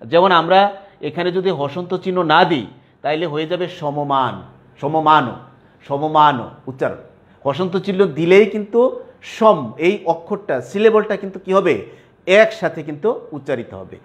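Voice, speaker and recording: A man teaching pronunciation rules to students in a lecture, repeating example words slowly and often checking if they follow. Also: high voice.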